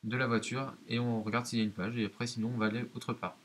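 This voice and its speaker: Talking fast in a flat, medium-pitched voice, this man offers halting, explanatory let's-play commentary on a horror game, addressing his audience directly. There's hiss throughout, typical of a home setup.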